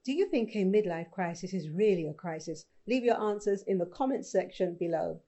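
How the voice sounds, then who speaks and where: A woman's voice: medium pitch, lively intonation, a little fast, dark tone, dull audio, a little hiss or hum. A woman presenting scripted online news as host, speaking directly and conversationally to viewers.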